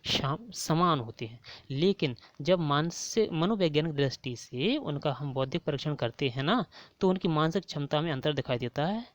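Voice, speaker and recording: A man's voice: on the high side, no room sound. A man with a Hindi accent giving an online exam-prep lesson, repeating each question and prompting viewers to answer.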